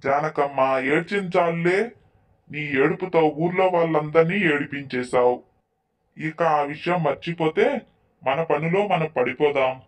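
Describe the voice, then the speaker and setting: A woman voicing a kindly old village grandfather who gently scolds his wife. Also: low voice, unhurried, voice pushed down. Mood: gentle, chiding.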